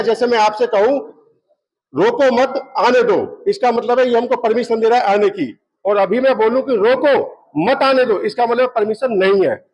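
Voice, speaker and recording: A man's voice: sits high, a little mellow, lo-fi sound. A man, a party wing's state president, giving an insistent, explanatory statement to reporters.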